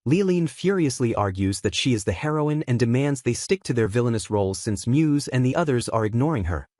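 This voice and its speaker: A man reads a scripted story recap in a steady, even storytelling manner. His voice sits at an ordinary middle pitch. The recording is close and dry, with no room sound. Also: a little fast, no echo. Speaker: narrator.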